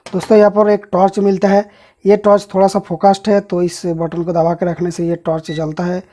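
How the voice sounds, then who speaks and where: A man walks viewers through a gadget unboxing in a relaxed, chatty way, pointing out each part as he goes. His voice is mellow and dark in colour, and his pitch barely moves, staying steady and even from line to line. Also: brisk. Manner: explains while handling the device, addresses viewers as friends. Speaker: host of an electronics channel. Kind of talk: casual product unboxing and review.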